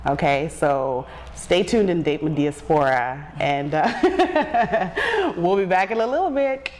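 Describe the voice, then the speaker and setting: A woman's voice: fairly low pitch, big pitch swings, slow pace. A woman from Zimbabwe, co-hosting a casual talk show and laughing often. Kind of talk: casual chat. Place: bright living-room studio set.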